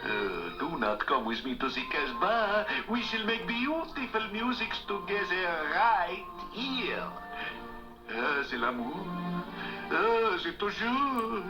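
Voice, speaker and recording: A man's voice: high voice, big pitch swings, slow pace, full character voice. An actor voicing an amorous male cartoon skunk with a mock French accent, crooning and theatrical. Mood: seductive. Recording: cartoon clip with loud music.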